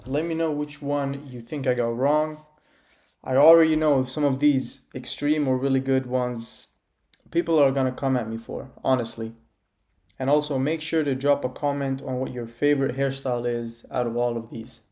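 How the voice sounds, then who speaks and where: A young man from Iraq talks through a ranking of men's haircuts in a loose, frank way, scattering "like" and "you know" through his sentences. His voice is dark and mellow, sitting at an average male pitch. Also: fairly even intonation, moderate pace. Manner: casual, frank, heavy use of "like" and "you know". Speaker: men's grooming YouTuber. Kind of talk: casual tier-list commentary.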